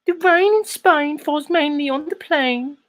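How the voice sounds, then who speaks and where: A man voicing a worried, prim wife in a mock English accent and a high falsetto. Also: a little slow, fairly bright tone. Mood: fretful.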